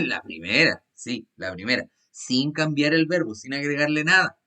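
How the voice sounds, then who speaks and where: A man's voice: medium pitch, normal speed, sharp tone. A male English teacher, explaining grammar rules step by step and often checking in with "¿ya?". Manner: checks in with "¿ya?" after each point. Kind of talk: online class explanation in Spanish.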